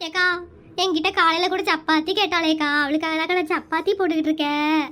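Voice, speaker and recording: A woman voicing a shrill, nagging village housewife in a cartoon. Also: expressive, background noise. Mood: scolding. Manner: shrill, nagging, quick to scold. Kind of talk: animated cartoon dialogue.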